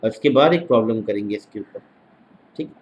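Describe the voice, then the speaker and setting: A man's voice: on the low side, animated, brisk, muffled recording. A male mathematics teacher giving an exam-prep lecture, repeating each phrase as if dictating and checking in with short tag questions.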